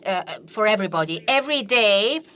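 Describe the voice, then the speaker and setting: A woman giving an earnest religious testimony in a talk, speaking haltingly with frequent hesitant pauses. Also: medium pitch, expressive, a bit bright.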